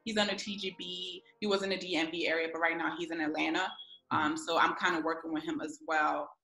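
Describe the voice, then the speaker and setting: Bright-voiced young woman from Ghana. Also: sits low, quick pace. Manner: relaxed, many fillers. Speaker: interview guest, music publicist. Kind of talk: casual interview chat. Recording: echoey room with faint music.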